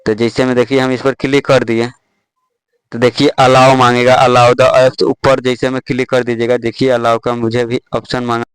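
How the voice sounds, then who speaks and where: A man's voice: mid-range voice, level tone, normal speed, smooth, dry recording, rough recording. A young man casually walking viewers through an app, step by step, with lots of "dekhiye" and "thik hai". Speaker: tech tutorial host. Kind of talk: casual screen-recorded app tutorial.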